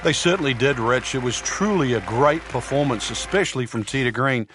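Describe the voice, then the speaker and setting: A man's voice: medium pitch, animated, background noise, lightly acted. A man doing a hesitant golf analyst. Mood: calm. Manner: explanatory, with frequent "uh" pauses. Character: male TV golf color analyst. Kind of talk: scripted video game golf analysis.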